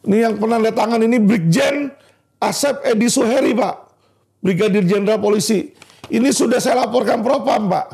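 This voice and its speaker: Heated gravelly lawyer. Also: male voice, sits high, brisk, a little mellow. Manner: heated, repeatedly addressing "Pak" directly. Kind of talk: impassioned legal commentary video.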